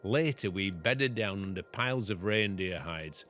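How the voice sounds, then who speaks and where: Low-voiced man reading aloud. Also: animated, unhurried, fairly bright tone, a little hiss or hum. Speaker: farmer reading his book aloud.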